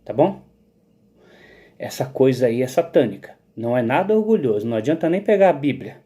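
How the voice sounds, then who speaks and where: A man's voice: medium pitch, sing-song, fairly quick, dark tone. Rambling man explaining his own theory. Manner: digressive, repeats words, asks "entendeu?" often. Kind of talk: rambling philosophical monologue.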